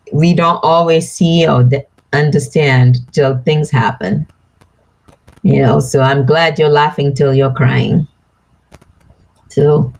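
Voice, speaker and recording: A woman hosting a live stream, reading oracle cards aloud and chatting softly with viewers by name. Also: low-pitched, low-quality recording. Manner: slow, soothing, chats with viewers by name. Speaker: card reader and live stream host.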